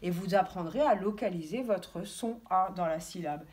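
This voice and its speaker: A woman teaching a recorded lesson to young children, stressing words slowly and clearly. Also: lowish voice, a little mellow. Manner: slow, sing-song word stress for children; clear instructive tone, addressing children and parents. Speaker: kindergarten teacher.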